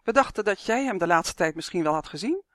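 A storyteller voicing Dummy, a gossipy young dwarf twin in a children's story, who asks question after question with eager excitement. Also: mid-range voice, fast, no echo, studio quality, lightly acted. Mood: nosy. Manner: excited, nosy.

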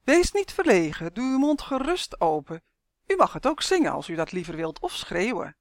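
A woman's voice: medium pitch, sing-song, normal speed, no room sound, studio quality. A woman voicing a cheeky, cheerful male elf who looks like a duck, in a storybook reading. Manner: upbeat, teasing.

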